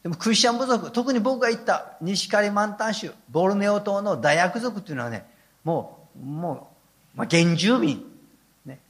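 High, lively older preacher. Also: male voice, moderate pace. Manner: folksy, humorous storytelling. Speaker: pastor. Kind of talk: sermon.

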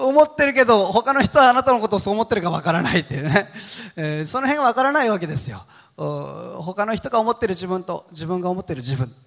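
A man's voice: sits high, expressive, quick pace, creaky, a bit bright. A man preaching a sermon in a church hall, telling stories in a chatty way and often breaking into laughter. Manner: chatty storytelling with frequent laughs. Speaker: pastor. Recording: reverberant hall.

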